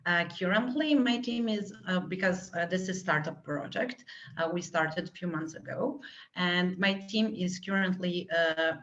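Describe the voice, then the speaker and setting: A woman's voice: fairly low pitch, a little slow, fairly bright tone. A woman from Serbia, a guest developer answering interview questions over a remote call, hesitant and full of filler sounds. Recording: muffled lo-fi call audio.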